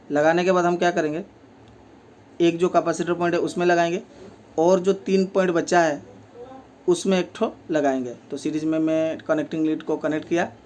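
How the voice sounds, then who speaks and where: A man's voice: fairly high pitch, darkish tone, slight background noise. A man with speech, a repair technician who explains each step of fixing a table fan in a plain way, with many fillers. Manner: speaks while working with his hands.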